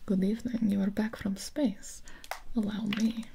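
A woman voicing a devoted, formal, protective assistant in an ASMR role-play, deferential, measured and precise. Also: mid-range voice, fairly even intonation, vocal fry, dark tone, a little hiss or hum, natural voice. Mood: deferential, composed.

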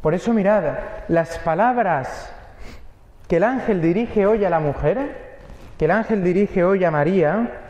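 A man's voice: high voice, unhurried, darkish tone, reverberant, long reverb tail, rough recording. A man, a priest giving an earnest sermon that speaks straight to each listener. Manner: earnest, addresses listeners directly.

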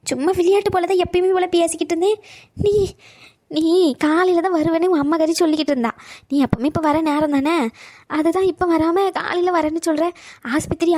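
A fussy elderly grandmother from a cartoon, rattling on in a high, quick voice. She nags and gossips, then softens into tender pleading. The whole read is cartoon voice acting. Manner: scolding gossip turning to coaxing pleas. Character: talkative elderly grandmother, fussing and doting.

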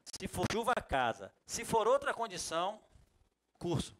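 A man with a Bahian Brazilian accent teaching a computer class in a classroom, lively and jokey, talking straight to his students. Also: high-pitched, a little slow, a little hiss or hum. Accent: Bahian Brazilian Portuguese. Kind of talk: classroom lecture.

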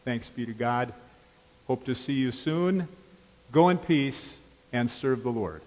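Man leading prayers in a reverberant church. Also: medium pitch. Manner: calm, measured liturgical speech. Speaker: pastor. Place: large church sanctuary.

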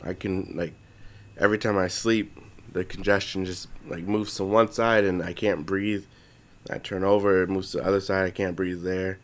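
A man's voice: deep voice, little pitch movement, normal speed. A young man, congested, co-hosting a podcast in casual, rambling chat full of swearing and restarts. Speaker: podcast co-host.

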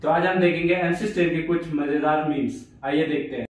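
A man's voice: a little high, brisk, heavy reverb, low-quality recording. Upbeat man introducing a video. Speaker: channel host.

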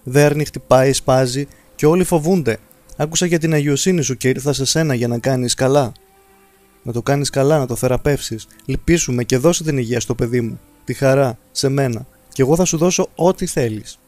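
A man's voice: medium pitch, a little mellow, no room sound, close to an everyday voice. A man reading a rich village father who begs a priest to heal his son, in a pleading voice.

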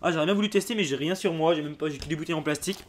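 A young man chatting casually as he unboxes a subscription box, excitable and quick to exclaim and laugh. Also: a little high.

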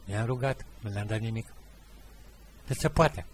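A man's voice: on the low side, slight background noise. A middle-aged man with a Romanian accent telling rambling anecdotes in a casual monologue and acting out the dialogue. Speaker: podcast host.

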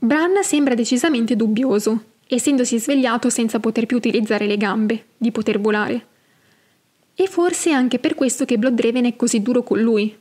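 A woman hosting a podcast, narrating and explaining fantasy lore in a measured, explanatory way. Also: fairly high pitch, a little mellow, husky. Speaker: podcast host.

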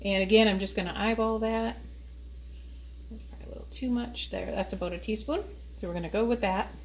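A woman's voice: mid-range voice, fairly even intonation, a little fast, breathy edge. A woman hosting a casual home cooking video, chatting while she works in her kitchen. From United States. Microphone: camera on a tripod. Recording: noisy home kitchen recording.

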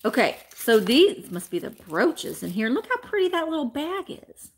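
A woman's voice: high-pitched, sing-song, moderate pace, a little hiss or hum. Bubbly woman chatting to viewers. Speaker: vintage reseller host. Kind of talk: casual live-stream chat. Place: small home room with shelves, indoors.

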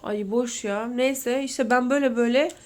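A woman's voice: a little high, fairly even intonation, normal speed, a little mellow. A woman in her thirties talking to camera in an emotional, rambling vlog, close to tears at times. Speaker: vlogger. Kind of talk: confessional vlog chat.

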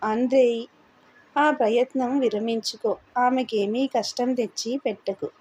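A woman's voice: a little high, fairly even intonation, unhurried, a little mellow, a little hiss or hum, close to an everyday voice, low-quality recording. Grave young activist, read by a woman. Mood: stern. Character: stern serious young man, a worker-activist.

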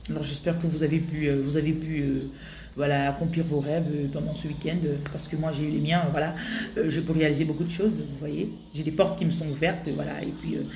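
A woman's voice: deep voice, quick pace. Woman, casual phone live stream, rambling with fillers, echoey room, faint background noise. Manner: relaxed, rambling, many fillers. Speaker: live-stream spiritual coach.

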